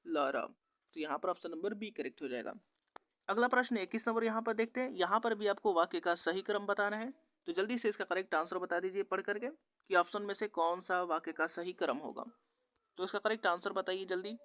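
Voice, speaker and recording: In a dry recording, a man with a high, slightly bright voice plays a teacher running through exam practice questions. His delivery is instructional and formulaic, a scripted question-and-answer quiz walkthrough lesson.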